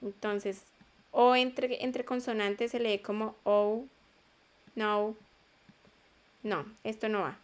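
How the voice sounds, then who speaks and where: A woman's voice: a little high, fairly even intonation, slow pace. A woman teaching an English class in Spanish, patiently repeating sounds and checking that students follow. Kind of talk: online class explanation.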